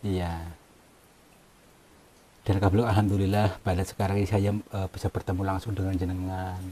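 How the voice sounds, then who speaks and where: A man exploring a cave, talking in a hushed, hesitant and apologetic way with many fillers. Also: deep voice, little pitch movement, normal speed. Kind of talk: hushed polite on-location talk.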